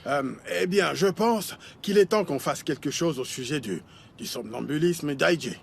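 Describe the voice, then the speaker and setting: A man's voice: on the high side, expressive, normal speed, vocal fry, slightly rough, heavily acted. An actor playing a pompous, hesitant male neighbour who speaks formally and takes offence easily, in a dubbed comedy-drama. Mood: concerned. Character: fussy, self-important older male neighbour, hesitant peacemaker, easily offended.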